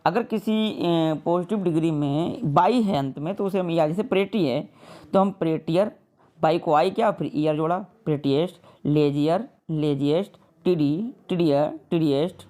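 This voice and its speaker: A woman teacher giving a grammar lesson. She drills lists of words, reads the rules out slowly word by word, and keeps checking with "clear?". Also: low voice, dark tone. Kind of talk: grammar lesson, mixing Hindi and English.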